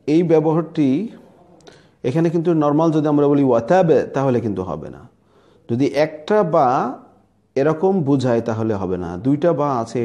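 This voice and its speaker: A man's voice: medium pitch, warm tone, highs cut off. A man with a Bangladeshi Bengali accent teaching Quran recitation, sounding out letters and words again and again as he explains. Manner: demonstrates letters and words aloud, repeating them. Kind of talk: slow teaching lesson.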